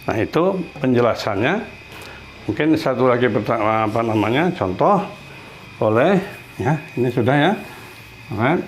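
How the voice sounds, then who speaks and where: A man teaching a beginner Spanish lesson in a casual, patient way, repeating his examples slowly and clearly. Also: medium pitch, animated, a little hiss or hum.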